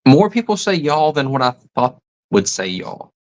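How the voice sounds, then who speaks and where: A man's voice: a little high, big pitch swings, moderate pace, darkish tone, highs cut off. A man hosting a casual livestream, reading viewer comments and musing aloud, often stopping to rethink his words. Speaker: livestream host.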